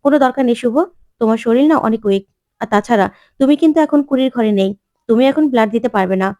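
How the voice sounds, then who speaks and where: A firm middle-aged woman doctor gives brisk, authoritative orders in a serial recap, voiced by a woman narrator. The voice is high and fast. The sound is dry. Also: darkish tone, dry recording, natural voice.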